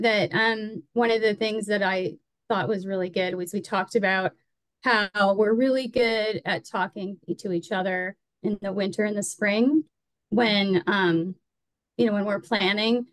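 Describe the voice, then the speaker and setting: Woman reporting back over a video call, dry close sound, a bit halting, um-heavy. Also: mid-range voice, dry recording, poor audio. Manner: casual, halting, with stumbles and fillers. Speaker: breakout group reporter. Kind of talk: online workshop report-out.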